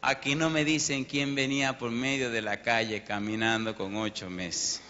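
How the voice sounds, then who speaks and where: A man's voice: medium pitch, normal speed, background noise. A man preaching as a pastor, telling a dramatic story and acting out the dialogue and sound effects. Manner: animated, acts out sounds and dialogue. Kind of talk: storytelling sermon. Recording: lo-fi recording in a reverberant hall.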